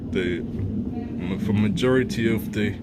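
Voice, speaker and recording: Slow, low-voiced man vlogging over loud noise. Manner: unhurried, informal, addresses viewers as guys. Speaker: vlogger showing a family attraction. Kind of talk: casual vlog narration. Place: busy public wildlife viewing area. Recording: loud outdoor ambience and vehicle rumble.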